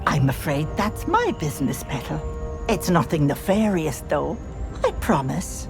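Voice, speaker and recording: A woman's voice: low-pitched, big pitch swings, a little slow, gravelly, music in the background, exaggerated voice. A woman voicing a bossy, sly old auntie hag in a video game, folksy and cajoling, with menace under the sweetness. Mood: wheedling, sly.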